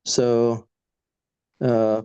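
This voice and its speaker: A man speaks in a mid-range voice over dull, slightly muffled audio with no room sound. He talks haltingly, full of "uh" and "you know", circling back before finishing each thought. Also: medium pitch, level tone, dark tone, clean tone, dry recording. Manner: halting, many fillers and restarts. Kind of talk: casual podcast chat.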